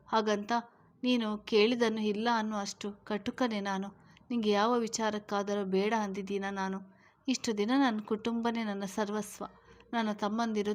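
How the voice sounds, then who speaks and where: A woman's voice: medium pitch, lightly acted. A woman reading as a grieving young husband. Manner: soft pleading speech, begging.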